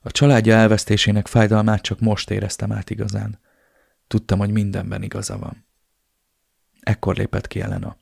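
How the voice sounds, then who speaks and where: Male audiobook narrator, first-person, subdued and measured, gravelly tone, dry close sound. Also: fairly low pitch, completely flat delivery, a little mellow, dry recording.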